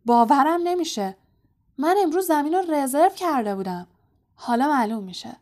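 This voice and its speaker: A woman voicing a hot-tempered teenage boy captain who talks loud, quick and bossy. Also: on the high side, vocal fry. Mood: angry.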